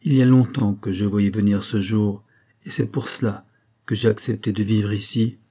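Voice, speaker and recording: A man's voice: lowish voice, fairly even intonation, moderate pace, mellow. A man reading an audiobook voices a dying old female servant who solemnly reproaches the young woman she raised. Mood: stern.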